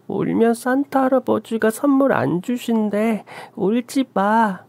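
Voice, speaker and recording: A woman voicing a sweet, caring little daughter who talks gently and earnestly in a told story. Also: on the high side, unhurried, gravelly, no room sound. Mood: comforting. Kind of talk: storytelling dialogue.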